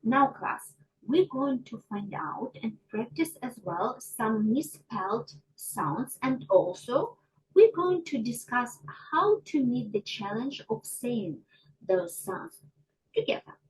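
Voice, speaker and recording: A woman teaching English pronunciation to a class, slow and deliberate, often checking in with her students. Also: on the high side, sing-song, husky, rough recording. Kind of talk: online micro lesson.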